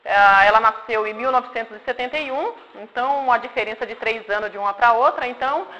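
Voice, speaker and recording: A little hiss or hum runs through this low-quality recording of a woman in her forties from Paraná, Brazil. Fast and sharp in a fairly high pitch, she tells children her life story in a simple, friendly, informal talk that takes audience questions, frequently checking with "tá?" and "né?".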